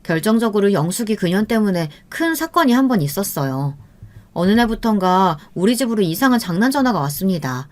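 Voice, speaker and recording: A woman in her fifties giving steady, plain scripted story narration in the first person. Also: medium pitch, brisk.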